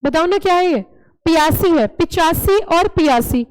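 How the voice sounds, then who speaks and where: A woman teaching a class, playful and lively, quizzing students with repeated questions. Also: very high-pitched, moderate pace, rough recording. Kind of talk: classroom lecture.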